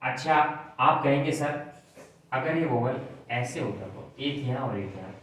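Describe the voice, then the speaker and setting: A man's voice: mid-range voice, animated, a little slow, a bit bright, slight background noise. Man teaching shorthand in an echoey room. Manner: patient, step by step, asks if students follow. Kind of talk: classroom lesson explaining on a board. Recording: very echoey room, mic at a distance.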